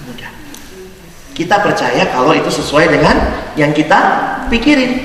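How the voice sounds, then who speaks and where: A man's voice: on the high side, fairly bright tone. A man giving a sermon-style Bible teaching to a fellowship audience, conversational and joking, telling stories as he goes. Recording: echoey hall, voice from far off.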